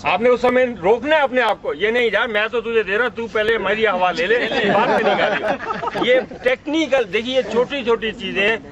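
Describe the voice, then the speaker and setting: A man with a notably high voice leads a hands-on first aid class outdoors, walking through the technique step by step and checking that people understand. He speaks at a moderate pace. The recording sounds dull and muffled, with a crowd audible in the background.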